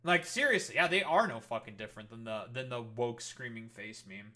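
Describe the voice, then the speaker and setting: A man's voice: mid-range voice, expressive, a little fast, bright, forceful tone. A man streaming and reacting to clips, talking in a heated, sarcastic, swear-filled rant. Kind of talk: profane rant commentary.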